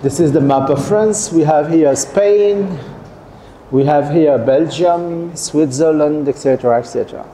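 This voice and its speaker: Lecturing students in a seminar, an Algerian guest professor in middle age speaks a little slowly, his voice high-leaning and dark. The hall echoes with a faint hum, and he often checks in with listeners, restarting and repeating phrases.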